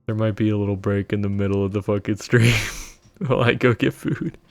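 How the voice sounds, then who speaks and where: A man's voice: on the low side, fairly even intonation, fairly quick, creaky, darkish tone, no room sound, faint music behind. A man casually chatting while streaming a video game, loose and sweary with frequent laughs. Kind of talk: casual gameplay livestream chat.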